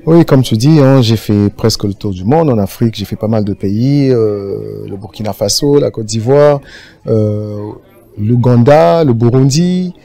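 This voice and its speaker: Mellow-voiced Congolese singer, hesitant. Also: male voice, medium pitch, gravelly, no echo. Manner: relaxed, hesitant with many fillers. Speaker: guest singer. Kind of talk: casual interview.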